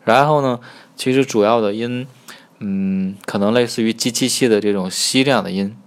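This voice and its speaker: A man teaching Korean pronunciation in a recorded lesson, patiently demonstrating sounds slowly and repeating them. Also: lowish voice.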